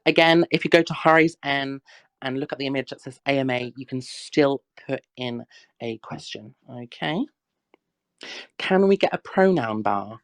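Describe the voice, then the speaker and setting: A chatty woman hosts a casual livestream Q&A, reading questions and teasing her audience. Her voice has a gravelly, fry-tinged edge. It sounds close and dry, with no room echo. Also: rumbling low, moderate pace. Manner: chatty, scolds the chat, laughs often. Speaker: livestream Q&A host.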